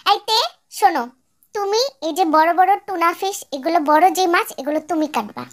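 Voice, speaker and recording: A woman's voice: extremely high pitch, expressive, brisk. A woman putting on a harsh, bossy older mother-in-law. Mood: scolding. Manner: harsh, nagging, abusive scolding. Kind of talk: fan-dub radio drama.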